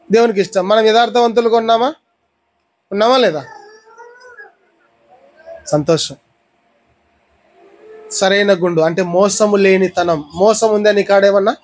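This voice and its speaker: A high-pitched man from India with a Rayalaseema Telugu accent preaching a sermon. He keeps firing the same question at his listeners and explains with everyday examples. He teaches with steady conviction. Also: low-quality recording. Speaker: pastor.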